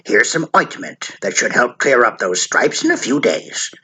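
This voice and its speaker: Lady putting on a pompous doctor guy for a kids book, bright raspy voice, swoopy formal delivery. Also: extremely low pitch, very animated, normal speed, heavily acted. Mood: assured, brisk. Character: pompous, puzzled middle-aged male doctor in a storybook.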